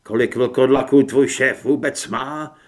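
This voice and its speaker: A man voicing a wisecracking male monster hunter who shouts sarcastic retorts under fire, in an audiobook. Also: mid-range voice, steady tone, close to an everyday voice. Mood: defiant. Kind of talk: audiobook character voice.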